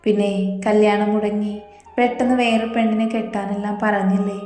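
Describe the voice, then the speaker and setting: A woman voicing a gentle, reassuring middle-aged mother-in-law in an audio story. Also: mid-range voice, flat delivery, normal speed, lightly acted. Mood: affectionate. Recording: echoey room with music behind.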